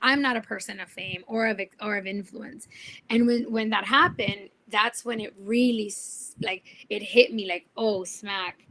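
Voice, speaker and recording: A young woman, a journalist guest, talking casually and telling animated stories with lots of quoted dialogue. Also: medium pitch, moderate pace, low-quality recording. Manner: chatty, animated storytelling with quoted voices. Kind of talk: casual video-call talk.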